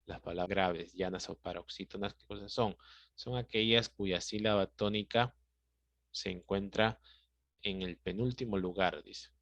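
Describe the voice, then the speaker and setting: Peruvian spanish guy teaching a class, low voice, takes his time, keeps checking in with students. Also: steady tone, measured pace, a bit bright, no echo. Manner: patient, explanatory, checks in with "¿ya?" and "¿sí?". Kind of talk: classroom lesson explaining grammar. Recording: dry, dull lo-fi sound.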